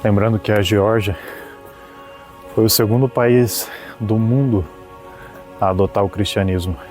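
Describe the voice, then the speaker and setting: A man's voice: fairly low pitch, fairly even intonation, unhurried, soft background music. A Brazilian man with a Brazilian Portuguese accent, chatting through a travel vlog, explaining facts and cracking jokes as he drives a mountain road and tours outdoors. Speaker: travel vlogger. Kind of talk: casual travel vlog narration. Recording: distant mic with loud road and outdoor noise. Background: car and outdoor ambience.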